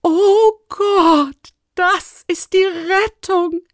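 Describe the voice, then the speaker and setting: A woman voicing a fussy, germ-obsessed male school principal in a children's storybook, strident and quick to bark orders or whimper. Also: fairly high pitch, animated, a little mellow, no echo, clean studio sound, voice pushed up. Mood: relieved.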